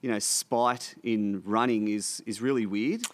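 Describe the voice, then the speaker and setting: A man's voice: on the low side, steady tone, a little slow. An Australian man co-hosting casual, comic sports chat in a wry, blokey, rambling way. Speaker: sports talk show co-host.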